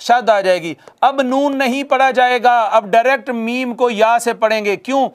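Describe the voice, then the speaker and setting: A man teaching the rules of Quran recitation to a class, explaining step by step, posing questions and answering them, and repeating Arabic examples slowly. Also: extremely high pitch. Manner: addresses listeners formally. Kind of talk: classroom lesson on tajweed rules.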